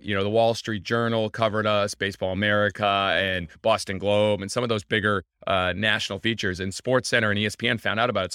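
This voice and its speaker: Fast, bright-voiced enthusiastic man. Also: lowish voice, smooth, no echo, clean studio sound. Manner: enthusiastic, emphatic storyteller. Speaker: guest, baseball team owner. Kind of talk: energetic interview talk.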